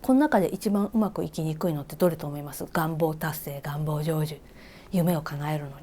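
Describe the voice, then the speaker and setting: Speaking in a low, slightly fast voice over a faint hiss or hum, a woman with a Kansai accent teaches reiki informally. She quizzes the listener and now and then whispers softly on the side.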